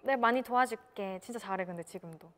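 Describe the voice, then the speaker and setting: A woman's voice: medium pitch, fast, a bit bright. A young woman in casual conversation, encouraging and leading the talk with questions. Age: young adult. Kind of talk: casual chat.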